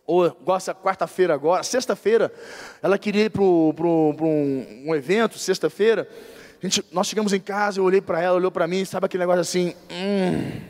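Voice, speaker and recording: A man's voice: high voice, a little mellow. Man, bishop, sermon, emphatic repetition, long hall reverb. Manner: emphatic, repeats phrases for stress. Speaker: bishop preaching.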